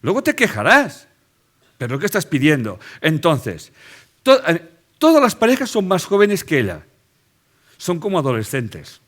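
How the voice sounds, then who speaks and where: A man's voice: a little high, huge pitch swings, moderate pace, long pauses, a bit bright. A man with a Spanish accent from Spain, giving a live lecture to an audience and driving his points home with rhetorical questions and tag checks.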